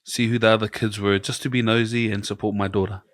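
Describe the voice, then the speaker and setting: A middle-aged man with a New Zealand accent hosts a casual podcast chat, talking fast in a lowish, flat voice. He rambles through long stories and acts out the voices of people he quotes. The studio sound is clean, with no echo.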